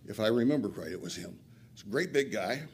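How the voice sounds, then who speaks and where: A man's voice: fairly low pitch, animated, quick pace, a little mellow, slight background noise. An older man from Flint, Michigan, telling a profane, self-mocking recovery story at a retreat and laughing often. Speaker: recovery speaker.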